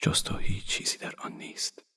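A man reading the lines of a devoted young woman in a storybook, in an earnest, half-whispered voice. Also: sharp tone. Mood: adoring.

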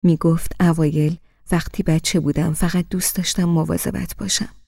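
Woman audiobook narrator, first-person novel, gravelly, dark voice, soft-spoken, dry close sound. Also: lowish voice, fairly even intonation, no room sound.

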